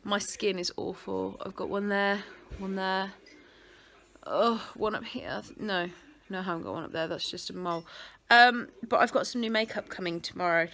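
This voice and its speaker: Brit woman rambling on her vlog at home, bright voice, keeps trailing off. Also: mid-range voice, steady tone, moderate pace, vocal fry. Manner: rambling, chatty, self-interrupting. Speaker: vlogger. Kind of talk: casual chatty vlog. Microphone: phone camera clipped on a window ledge.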